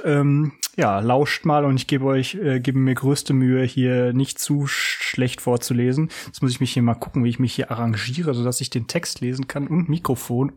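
A man's voice: medium pitch, darkish tone, breathy edge. A young man co-hosting a casual podcast, joking and rambling with many restarts. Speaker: podcast co-host.

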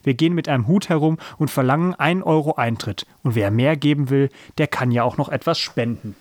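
A man's voice: medium pitch, a little fast, darkish tone, no room sound, natural voice. A man voicing a worried little girl who whispers her plan. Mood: hushed.

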